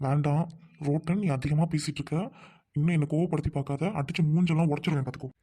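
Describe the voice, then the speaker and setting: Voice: mid-range voice, fairly even intonation, fast talker, mellow, natural voice. Someone voicing a reproachful young husband. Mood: angry. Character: young husband, torn between wife and elder brother. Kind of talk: Tamil audio drama acting.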